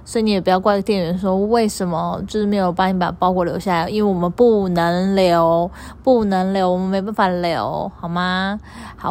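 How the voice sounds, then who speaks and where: A young woman, a store clerk telling her followers a story in a chatty, animated way and repeating things for emphasis. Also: medium pitch.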